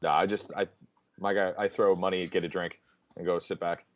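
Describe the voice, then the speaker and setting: A man playing in a tabletop game over a call, asking quick questions and stumbling over words. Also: low-pitched, level tone, highs cut off. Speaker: player. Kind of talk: casual gaming chat.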